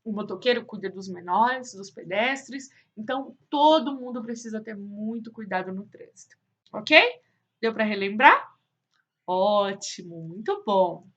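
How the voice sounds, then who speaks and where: A woman teaching young children online, in a sing-song, drawn-out way, asking questions and answering them herself. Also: mid-range voice, expressive, a bit bright, dull audio. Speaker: primary school teacher.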